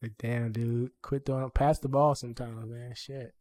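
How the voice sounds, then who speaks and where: A man's voice: mid-range voice, moderate pace. Foul-mouthed man telling stories animatedly. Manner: swears freely, animated storytelling. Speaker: podcast co-host. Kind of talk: casual chat.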